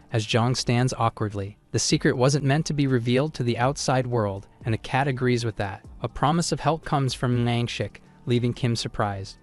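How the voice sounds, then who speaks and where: A man narrating a comic story recap in a steady, even, scripted voice-over. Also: mid-range voice. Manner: steady, even storytelling delivery in indirect speech. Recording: voice-over with faint background music.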